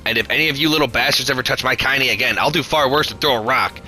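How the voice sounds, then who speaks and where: A man's voice: on the low side, brisk, sharp tone, soft background music. A man voicing a fierce, tough old grandmother who speaks bluntly in coarse rural speech. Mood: threatening.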